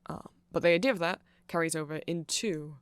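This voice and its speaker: Talking fairly quickly in a fairly high, clean-toned voice, an ASMR creator explains band lore in a rambling way, frequently correcting himself and adding chuckled asides. The recording is dry.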